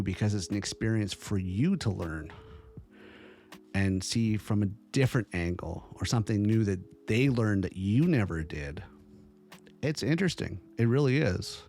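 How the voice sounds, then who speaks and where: A man's voice: lowish voice, darkish tone. A middle-aged man hosting a podcast, giving his opinions in an emphatic way and repeating phrases as he builds each point. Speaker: podcast host. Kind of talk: opinion monologue.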